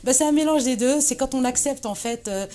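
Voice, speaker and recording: A woman's voice: high voice, fairly quick, dark tone. A woman from Morocco, a guest chatting in an interview with many fillers and restarts. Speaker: guest, association president. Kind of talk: casual interview conversation.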